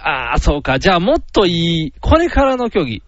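A middle-aged man with a Kansai accent, hosting a casual comedy radio chat, playful and quick to throw in silly sound effects. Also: a little high, very animated, dry recording, highs cut off. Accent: Kansai Japanese. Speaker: radio show host.

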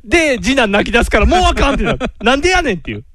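A man's voice: very high-pitched, no echo, clean studio sound. A man with a Kansai accent hosting a podcast, telling a funny story in a casual, jokey chat. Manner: animated, quick, jokey storyteller. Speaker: podcast host.

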